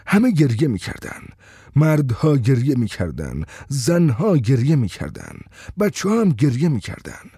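A man reading a first-person story in a steady, conversational storytelling way. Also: mid-range voice, breathy edge, no echo, studio quality.

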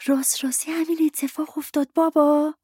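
A woman putting on a wide-eyed little girl, her voice pitched high and a little louder than usual. The voice sits close and dry. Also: little pitch movement, no room sound, lightly acted. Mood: curious. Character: excited little girl asking questions.

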